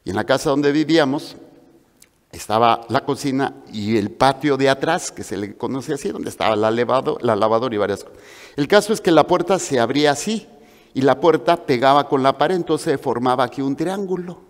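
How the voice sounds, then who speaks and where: A man preaching a sermon with a Mexican Spanish accent, telling stories in an animated way and acting out the voices of the people in them. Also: medium pitch, a little fast. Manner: animated storytelling with acted-out voices. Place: church hall. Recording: long reverb of a large hall.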